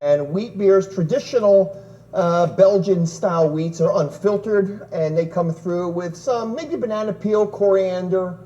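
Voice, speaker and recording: A man's voice: high-pitched, measured pace, dark tone, muffled recording. A man hosting a TV tasting show, easygoing and jokey as he leads the chat. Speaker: TV show host. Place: TV studio.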